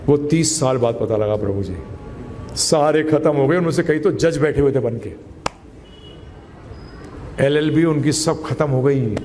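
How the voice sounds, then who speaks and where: A man's voice: mid-range voice, a little slow, long pauses, a little mellow, in a large hall, a little hiss or hum. A man giving a spiritual lecture to a class, emphatic, putting questions to his listeners and mixing English phrases into his talk. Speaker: spiritual teacher. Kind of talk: Gita lecture to a live class.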